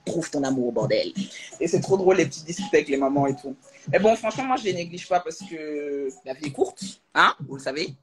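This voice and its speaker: A young adult woman chatting casually on a live stream from her room at home, animated and slangy, full of jokes and asides. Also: sits low, brisk, low-quality recording. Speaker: social media creator on a live stream. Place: at home, in a room with a closed door.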